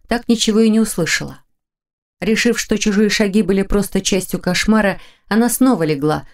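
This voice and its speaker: A woman narrating a mystery audiobook in a measured, even storytelling manner. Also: mid-range voice. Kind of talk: scripted narration.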